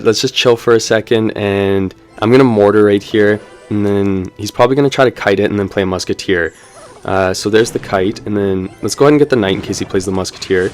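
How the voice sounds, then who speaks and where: A young man talks through his card game match as he plays, upbeat and chatty, peppering his calls with ums. His voice sits fairly low. A faint hum of street traffic lingers behind him. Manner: upbeat, chatty, many "um"s and "let's go ahead". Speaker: gaming YouTuber. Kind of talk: live gameplay commentary.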